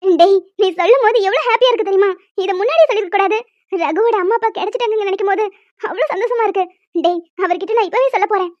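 A woman voicing an emotional young wife in an animated drama, pleading and tearful. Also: very high voice, rapid-fire, dry recording. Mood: excited. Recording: dull lo-fi dry sound.

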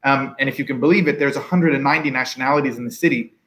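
A man's voice: medium pitch, very fast, poor audio. A man on a video call from a room with bookshelves, chatting casually as a guest pitmaster and acting out the people he quotes. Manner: relaxed storyteller, acts out quoted customers. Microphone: video call from home.

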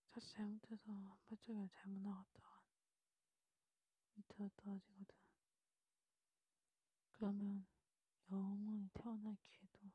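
Casting: woman as soothing Grim Reaper guide for ASMR whispered role-play, extremely breathy, low-key and even in intonation. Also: no echo, lo-fi sound. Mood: calm, cautioning. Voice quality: breathy, unvoiced. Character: calm, reassuring Grim Reaper guiding a soul to the afterlife. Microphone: close mic, dry.

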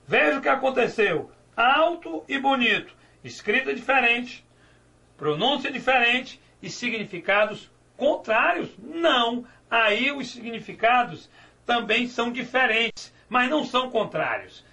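High gravelly male teacher. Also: expressive, a little slow, bright, forceful tone. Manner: didactic, asks and answers his own questions, stretches key words. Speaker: Portuguese teacher. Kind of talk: recorded grammar lecture.

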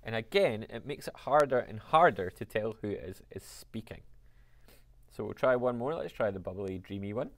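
A man teaching a music technology lesson, explaining software steps in an upbeat, chatty way. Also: lowish voice, expressive, moderate pace, a little hiss or hum.

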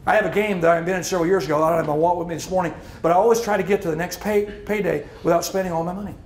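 A man's voice: high voice, fairly even intonation, very fast, roomy sound. A middle-aged man preaching a sermon as pastor, emphatic and repeating his key lines. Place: church hall.

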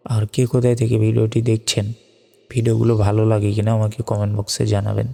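A man from Bangladesh teaches recitation, spelling out each sound and then chanting the word at length. His voice is dark and mellow. Long reverb hangs on every word, with faint music underneath. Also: on the low side, level tone, fast talker, gravelly. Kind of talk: slow spelled-out recitation lesson.

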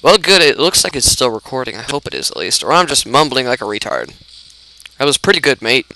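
A young man giving casual, rambling, excitable commentary while he plays a video game, laughing often. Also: medium pitch, fast talker, gravelly. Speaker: gaming YouTuber.

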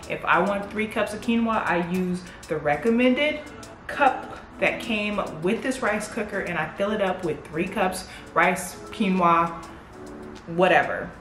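A woman in her thirties cooks in her home kitchen and chats informally straight to her viewers in a casual cook-with-me vlog. Her mid-range voice sounds roomy, captured up close by a camera mic that is handheld or set on the counter.

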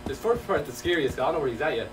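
Jumpy, high-pitched young man gaming. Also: racing, over music. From Mexico. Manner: excitable, swearing, yelps when scared, slangy trash talk. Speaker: gaming streamer. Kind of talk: VR horror gameplay commentary. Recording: distant-sounding mic with noticeable background noise and hum.

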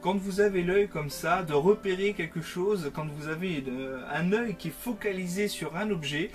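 A man's voice: high-pitched, moderate pace, soft background music. A man, chatting casually to camera as a teasing, talkative storyteller. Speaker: co-host of a video game collecting vlog. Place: small game-collection room indoors.

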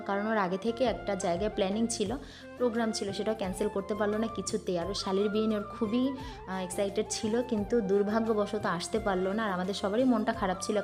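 Fast-talking woman vlogger. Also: medium pitch. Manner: chatty, keeps addressing viewers directly. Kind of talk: casual vlog narration to viewers. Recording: background music under voice.

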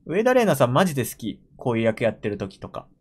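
Fast and slightly rough, with big pitch swings in a mid-range voice, a young Japanese man reacts casually to anime as he watches. He streams from a gaming chair in a room at home, muttering to himself and exclaiming often into a desk mic.

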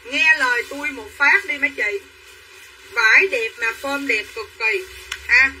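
High, piercing saleswoman on a livestream. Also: unhurried, bright, forceful tone, recorded from a distance, rough recording. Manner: chatty, repetitive hard-sell patter, addressing buyers by name. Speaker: online clothing seller. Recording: voice a bit off-mic with faint room noise.

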